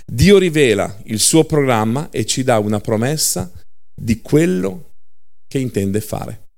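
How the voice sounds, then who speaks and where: A man's voice: mid-range voice, animated, unhurried, vocal fry, darkish tone. A man preaching a sermon, teaching scripture emphatically and repeating key words. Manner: emphatic, repeats words, spells letters with city names.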